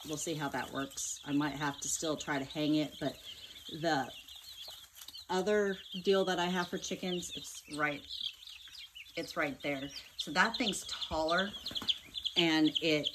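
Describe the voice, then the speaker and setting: A low-voiced woman films on her phone and chats casually about her farm animals, plainspoken and full of ums and restarts. Faint peeping and farm sounds sit softly behind her voice. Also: unhurried, pauses often, background noise. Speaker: small farm vlogger. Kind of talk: casual off-camera narration while filming.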